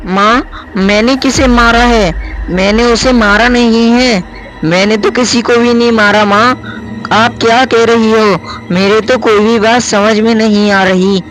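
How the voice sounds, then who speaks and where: Using a high-pitched, fairly bright voice above his natural range, a man plays a hot-tempered, defiant schoolgirl in a spoken story, steady in tone and measured in pace. She's brash and quarrelsome, turning pleading when accused, and the audio is poor.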